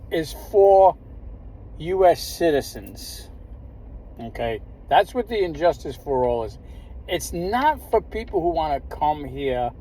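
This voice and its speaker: A man's voice: medium pitch, mellow, rough recording. An older man from the United States giving a rambling, emphatic opinion monologue, with many fillers and restarts. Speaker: commentator. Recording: clear traffic noise behind.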